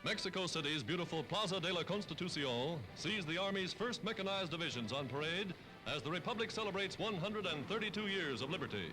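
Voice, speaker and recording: The recording is rough, carrying a high-sitting male voice with lively intonation and a brisk pace. He's an American narrating a scripted 1940s newsreel dramatically and emphatically in a declamatory way, on a vintage film soundtrack backed by orchestral music.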